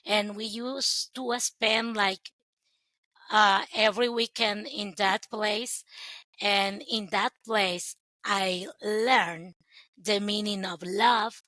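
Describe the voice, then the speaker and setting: A young woman, sharing her story as a guest in sincere, halting phrases. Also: medium pitch, fairly even intonation, pushed and bright, dry recording, rough recording. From El Salvador. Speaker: guest, sponsorship coordinator. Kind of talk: earnest personal testimony.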